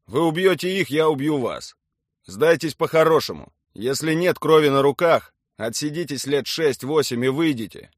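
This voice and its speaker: A stern army colonel, as a male audiobook reader voices him, barking clipped orders in a high, strained register. His commands are loud and hard-edged. The sound is dry and close, with no room around it. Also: lively intonation, moderate pace, no echo. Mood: stern ultimatum.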